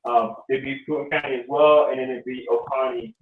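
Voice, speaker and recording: A man's voice: medium pitch, steady tone, fairly quick, slight background noise. A man hosting casual sports talk, rambling with lots of ums. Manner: loose, rambling, many ums. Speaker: podcast host. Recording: echoey, distant, phone-like audio.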